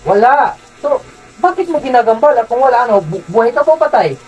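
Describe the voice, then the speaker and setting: A man's voice: very high voice, expressive, fairly quick, darkish tone, husky, low-quality recording. Man, faith healer, from zamboanga city, insistent, repetitive questions, commanding, faint music behind. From Zamboanga City, Philippines. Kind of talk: healing session, interrogating a spirit.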